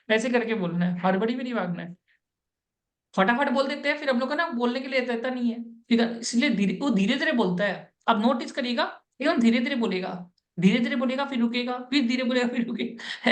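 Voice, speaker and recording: A woman with a fairly high voice and an Indian accent coaches a job candidate in Hindi. She repeats her points over and over in a casual, instructive way and laughs often. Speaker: interview coach.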